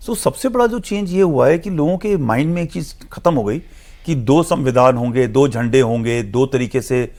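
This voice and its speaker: A man speaking as a guest analyst on a TV discussion, explaining in a measured, lecturing way and slipping in English phrases. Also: medium pitch, darkish tone.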